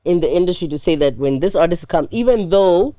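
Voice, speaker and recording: A woman's voice: lowish voice, expressive, brisk, no echo, clean studio sound. A woman from Zambia, co-hosting a podcast and chiming in with agreeable remarks. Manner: agreeable, warm interjections. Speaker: podcast co-host. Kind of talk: casual chat.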